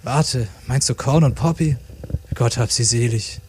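A man's voice: medium pitch, unhurried, darkish tone, slightly rough. A man reading a storybook voices a stoned, laid-back male bee who talks in drawling slang.

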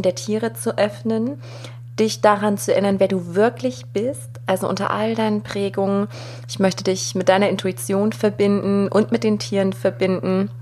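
A woman hosting a podcast, speaking gently and from the heart, straight to the listener. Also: medium pitch, slight background noise. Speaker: podcast host. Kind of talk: warm solo podcast intro.

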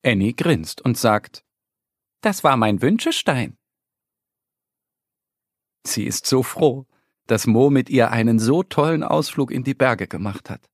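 Male narrator for a kids' audio story, unhurried and expressive, husky, dry close sound. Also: medium pitch, dry recording. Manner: slow, expressive, sing-song reading.

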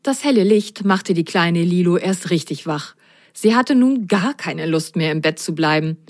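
A woman reading a children's bedtime story aloud in a gentle, unhurried storytelling manner. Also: fairly low pitch, animated. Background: faint music.

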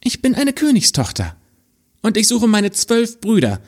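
A man's voice: high voice, huge pitch swings, normal speed, a little mellow, voice pushed up, heavily acted. A man voicing a young princess in a spoken fairy tale, earnest and pleading. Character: young princess searching for her brothers.

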